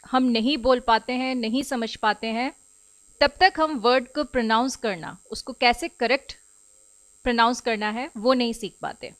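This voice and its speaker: A woman with an Indian English accent teaching in a recorded video lecture, explaining in Hindi and slow English with repetition. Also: sits high, a bit bright, poor audio. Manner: switches between Hindi and slowly spoken English.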